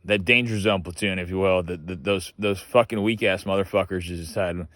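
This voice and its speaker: A man's voice: low-pitched, a little fast, a bit bright, no echo. A man from Washington State telling casual stories as a Marine veteran, rambling, swearing heavily and laughing often. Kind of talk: casual storytelling.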